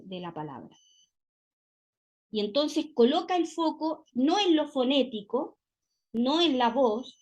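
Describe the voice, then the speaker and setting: A Chilean woman teaching a class, her voice sitting a little on the high side. She works through each idea step by step in a relaxed lecture style. She keeps checking in with her listeners through short tag questions.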